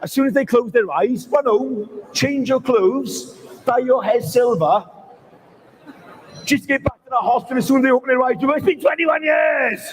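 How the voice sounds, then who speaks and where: A man's voice: very high voice, normal speed, a faint crowd, rough recording. A man from Swansea with a Swansea Welsh accent, telling stand-up stories to a live event. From Swansea, Wales. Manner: swears mildly, tells anecdotes with acted-out quotes. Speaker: stand-up comedian. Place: live event at an indoor or covered market.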